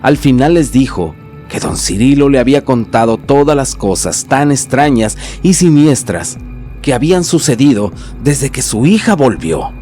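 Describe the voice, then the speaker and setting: A man's voice: medium pitch, sing-song, moderate pace, mellow. A man narrating a scripted horror tale in a dramatic storytelling manner. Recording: narration with faint music bed.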